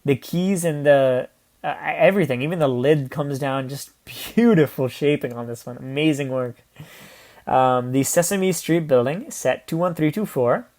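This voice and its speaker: Chatty man with a higher voice. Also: a little slow, darkish tone. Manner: rambling, chatty, many fillers and restarts. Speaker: YouTube host reviewing toy sets. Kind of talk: casual review commentary.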